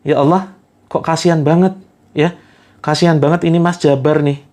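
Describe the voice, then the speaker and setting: A man's voice: a little high, steady tone, moderate pace, a little mellow, natural voice. Man putting on a practical guy, casual, chatty, teasing. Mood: pitying. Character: practical man, mocking then kindly.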